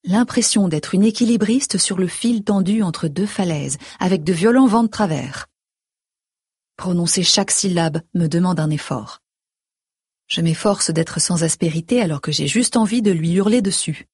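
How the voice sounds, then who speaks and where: Breathy woman reading a novel aloud. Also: lowish voice, a little mellow, dry recording, clean studio sound. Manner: measured, introspective reading. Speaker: audiobook narrator. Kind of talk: first-person audiobook narration.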